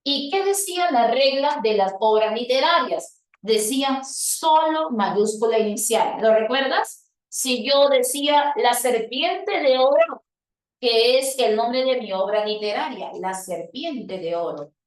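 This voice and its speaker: A woman's voice: high-pitched, lively intonation, a little slow. A woman teaching a grammar lesson, explaining step by step and quizzing her students with questions. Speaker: language teacher. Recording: echoey room, voice from a distance.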